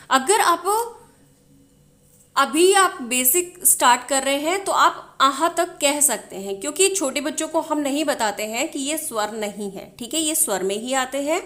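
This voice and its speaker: A woman's voice: sits high, bright, forceful tone. A woman teaching the Hindi alphabet, sounding out each letter and often checking in with her viewers. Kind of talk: slow alphabet lesson.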